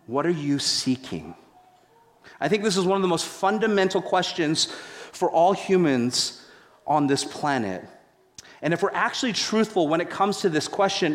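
A man's voice: a little high, in a large hall. A male pastor giving a sermon, telling a story with playful humor and big swings in his voice.

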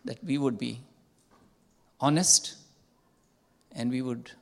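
A man's voice: mid-range voice, creaky. An older man, a church elder, leading a solemn congregational prayer and repeating "Lord" often. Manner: slow, solemn, measured praying with repeated "Lord".

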